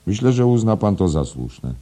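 A man's voice: fairly low pitch, very animated, normal speed, mellow, voice pushed up. A man voicing a pompous, preachy old schoolmaster who lectures in an emphatic, self-satisfied way in an audiobook. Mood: pleased.

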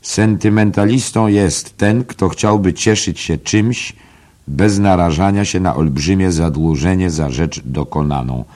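A man's voice: deep voice, measured pace, darkish tone, pitched above the performer's own voice. A man voicing a boisterous, mocking young jester who whines in a mock-archaic way. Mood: gleeful.

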